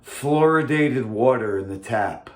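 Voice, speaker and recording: This vlogger speaks at medium pitch, expressive but measured, rambling casually through his morning. His swollen, bitten tongue thickens his speech slightly and gets in the way of clear articulation. Faint background noise and a roomy echo fill the recording.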